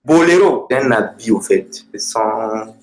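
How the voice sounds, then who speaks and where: A man explains grammar to a student at an unhurried pace, pausing and hesitating often as he searches for words. His voice sits at a middle pitch and rings out in an echoey room. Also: lively intonation, darkish tone. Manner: slow, hesitant, many fillers. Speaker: Romanian language teacher.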